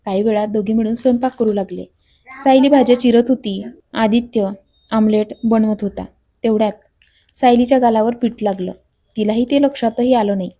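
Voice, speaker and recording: A woman's voice: a little high, fairly even intonation, fairly quick, mellow. A woman reading a romantic story aloud as narrator, speaking every character's lines in her own voice. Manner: reads all characters' dialogue in her own voice.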